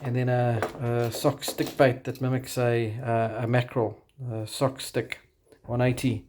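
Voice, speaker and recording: Man, broad South African accent, mid-pitched voice, casual gear show-and-tell, hesitant unscripted phrasing. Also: level tone, unhurried, a little mellow. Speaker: kayak angler presenting his gear.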